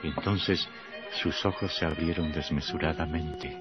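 With an extremely low, steady voice, a man narrates a horror radio play at an unhurried pace, theatrical, ominous and full of suspense. Dramatic music plays behind him on a dull, lo-fi old radio recording.

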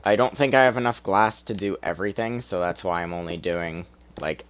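Deep and brisk with a fairly bright tone, this young adult man's voice sounds tired and strained as he streams a game. He chats his way through the play, making fun of himself in relaxed gameplay commentary.

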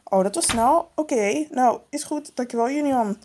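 Woman voicing a hurried, chatty mother. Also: high-pitched, darkish tone, slight background noise, close to an everyday voice. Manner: chatty, hurried, with many fillers. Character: busy caring mother of two girls. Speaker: toy-film voice performer. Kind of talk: toy-figure storytelling.

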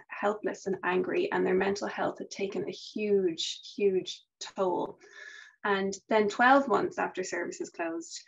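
A woman's voice: medium pitch, vocal fry. A middle-aged woman giving an online conference presentation, conversational, with ums. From Ireland. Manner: warm conversational presenting with fillers. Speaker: research and policy manager presenting. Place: home office, indoors. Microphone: video call. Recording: muffled video call audio.

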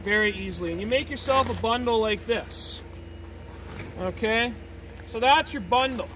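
A man's voice: very high voice, moderate pace. A man, a teacher giving a casual hands-on survival demonstration outdoors, often checking in with his students. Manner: casual, checks in with "okay?", chatty asides. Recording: distant outdoor mic with traffic noise.

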